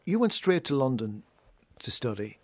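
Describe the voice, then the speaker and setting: An Irish man with a husky voice hosting an interview in an informal, probing, rambling style. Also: medium pitch, big pitch swings, normal speed, dry recording. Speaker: radio interview host. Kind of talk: casual chat interview.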